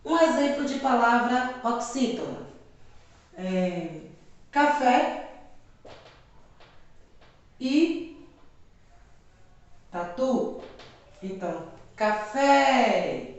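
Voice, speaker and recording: A Brazilian woman teacher giving a video lesson to children, speaking slowly and carefully and repeating example words. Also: high voice, highs cut off. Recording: very echoey room, distant mic.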